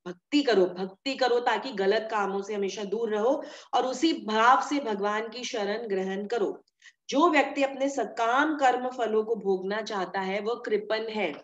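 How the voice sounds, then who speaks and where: A woman's voice: a little high, measured pace. A woman giving a devotional scripture talk, explaining with everyday examples, repeating key phrases and mixing English words into her speech. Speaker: scripture teacher. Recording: echoey room, dull lo-fi sound.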